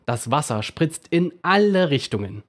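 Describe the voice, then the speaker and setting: Man, children's story reading, slow, expressive, lively pitch.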